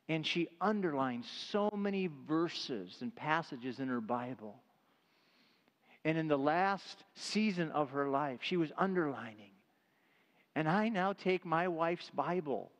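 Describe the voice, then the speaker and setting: A middle-aged male pastor preaching a sermon with emphasis, who drops to a hush when he retells tender moments. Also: on the high side, big-room sound. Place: church sanctuary.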